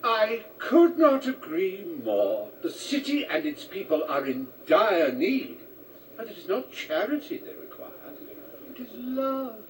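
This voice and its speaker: A decadent, smug aristocratic villain in a video game, high-voiced for a man and swooping theatrically through each drawled line. The sound is distant, with noise behind it. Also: very animated, unhurried.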